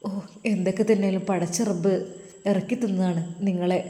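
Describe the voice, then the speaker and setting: A woman's voice: medium pitch, fairly even intonation, moderate pace, warm tone, close to an everyday voice. Storybook role: a woman reading a helpful, kindly friend, with long room reverb. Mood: reassuring. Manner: reassuring, kindly.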